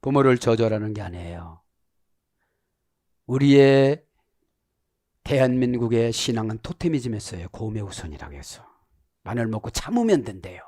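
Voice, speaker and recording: A man's voice: medium pitch, big pitch swings, moderate pace, pauses often, darkish tone, no echo, clean studio sound. A middle-aged man preaching a sermon as pastor, teaching Greek words and acting out the voices of the people he quotes. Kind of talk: sermon with Greek word study.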